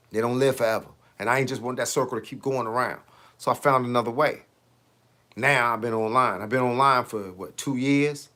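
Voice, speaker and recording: A man in his late fifties who coaches fitness speaks in a medium-pitched, fairly bright voice during a casual livestream. He uses plenty of slang, talks a lot, and answers viewers' comments with rhetorical questions.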